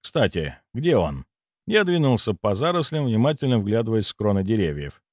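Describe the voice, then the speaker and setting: Lively male audiobook narrator. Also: fairly low pitch, moderate pace, dry recording, lo-fi sound. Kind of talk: first-person audiobook narration.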